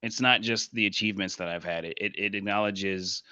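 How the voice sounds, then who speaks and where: A man speaking as a podcast guest, earnest and reflective, often repeating affirmations softly. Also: fairly low pitch, steady tone, brisk, smooth, dry recording, dull audio. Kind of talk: casual podcast conversation.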